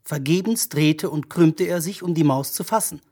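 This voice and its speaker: A narrator reading a story for an audiobook in a measured, even-paced manner. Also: medium pitch, husky.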